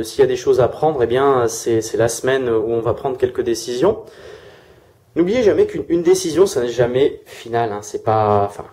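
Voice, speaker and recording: A man's voice: medium pitch, mellow. A man giving a casual weekly tarot reading, hesitant with many fillers and restarts, speaking through a sore throat. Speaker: tarot reader.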